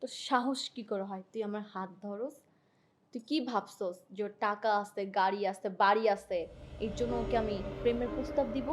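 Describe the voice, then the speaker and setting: An actress with a Bangladeshi accent playing a scornful young woman in a melodramatic short film, scolding with dramatic drawn-out emphasis. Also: medium pitch, slight background noise, lightly acted. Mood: indignant. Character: scornful young woman confronting her unfaithful, greedy boyfriend.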